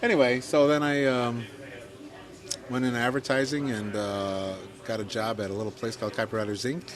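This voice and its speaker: Over crowd noise, a middle-aged podcast co-host with a Midwestern accent tells his career story in a casual chat. His medium-pitched voice is flat and a little fast. Fillers and self-deprecating asides run all through it.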